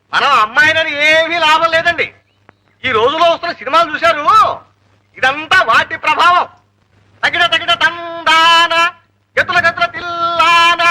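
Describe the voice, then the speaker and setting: Pompous elder, very high bright voice, wry lecturing. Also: male voice, slight background noise, full character voice, low-quality recording. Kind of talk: film comedy acting.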